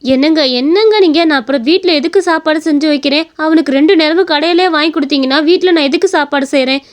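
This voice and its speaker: A woman's voice: high voice, quick pace, natural voice. A woman voicing a strict but caring mother in a cartoon story, scolding and firm. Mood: stern.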